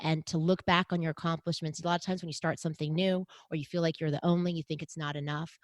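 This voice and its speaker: Middle-aged American woman, low-voiced, earnest and motivational, interview guest, dry recording. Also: fast talker, no room sound. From United States. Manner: earnest, motivational, animated when quoting others. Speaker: podcast host and guest. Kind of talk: interview conversation.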